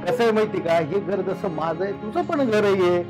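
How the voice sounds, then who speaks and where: A man's voice: sits high, normal speed, over music, close to an everyday voice. An actor playing a caring brother who comforts and reassures his crying sister. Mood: soothing. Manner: soothing, reassuring.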